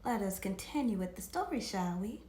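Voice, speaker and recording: At a moderate pace and medium pitch, a female storytime host reads to children, addressing viewers directly in an expressive, performative way. The home recording is roomy and echoey, with a little hiss or hum.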